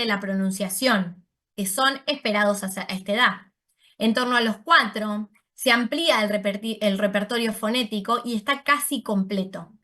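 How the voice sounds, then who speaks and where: A woman's voice: on the high side, bright, forceful tone. A woman giving an explanatory lecture to an audience, correcting herself as she goes. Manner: explanatory, uses voseo, self-corrects. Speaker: speech therapist giving a talk.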